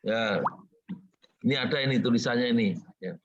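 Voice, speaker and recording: A man taking part as a student in an online class, speaking slowly while searching his book. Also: medium pitch. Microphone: video call. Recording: muffled video-call audio.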